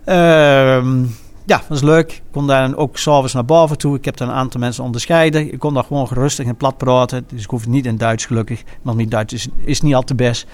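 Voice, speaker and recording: Halting man with a regional eastern Dutch accent. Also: medium pitch, fairly even intonation. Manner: halting, hesitant, pausing often mid-sentence. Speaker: former carnival prince and innkeeper recounting his carnival. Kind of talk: informal spoken reminiscence.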